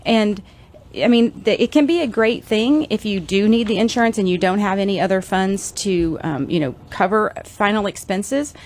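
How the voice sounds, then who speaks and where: A woman's voice: medium pitch, moderate pace, darkish tone. A woman co-hosting a radio show, explaining things conversationally with frequent fillers. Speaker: radio show co-host, financial planner. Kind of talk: casual radio chat.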